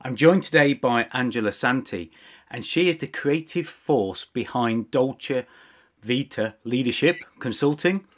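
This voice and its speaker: A man's voice: mid-range voice, expressive, moderate pace, a bit bright. A man hosting a business podcast, introducing his guest with upbeat, self-deprecating asides. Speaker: podcast host.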